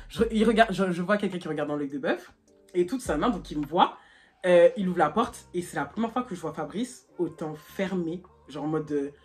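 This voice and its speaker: Animated young woman telling a story. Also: lowish voice. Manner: animated, swears often, slangy, laughs nervously. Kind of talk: casual storytime to viewers.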